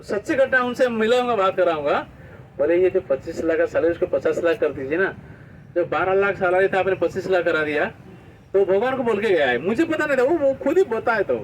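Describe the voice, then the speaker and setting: A man's voice: sits high, expressive, fairly quick. A man giving a devotional talk, telling stories and acting out the dialogue, with rhetorical questions to the listeners. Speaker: preacher. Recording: distant mic, dull sound, faint street noise.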